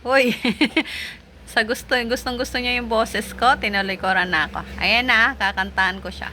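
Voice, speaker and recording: A woman's voice: on the high side, steady tone, normal speed, pushed and bright, a little hiss or hum. A woman chatting playfully to her pet cat, teasing it and singing to it with bursts of laughter.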